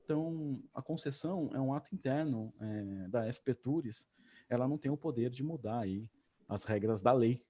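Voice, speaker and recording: Speaking over a video call at a public hearing, a tourism agency official offers hesitant remarks packed with fillers. His voice is medium in pitch and warm, and he keeps a moderate pace.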